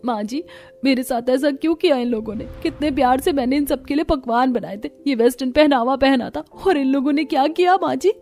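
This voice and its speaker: A stubborn young daughter-in-law from a cartoon story talks back sassily in a high voice, acted by a woman. She turns pouty and sweet whenever it helps her. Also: fairly quick, a little mellow. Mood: fake crying.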